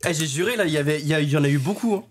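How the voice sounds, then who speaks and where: A man's voice: fairly high pitch, very fast, slight background noise. Man with his mouth burning from spicy food. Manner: exclamatory, slangy reactions. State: mouth burning from hot chilli sauce. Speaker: challenge video co-host. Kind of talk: casual banter in a challenge video.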